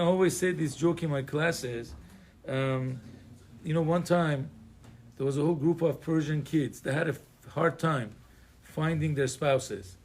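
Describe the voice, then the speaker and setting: A man's voice: a little high, a little mellow. A man from Iran, a rabbi teaching an informal Torah class in a conversational, digressive way with joking asides and plenty of fillers.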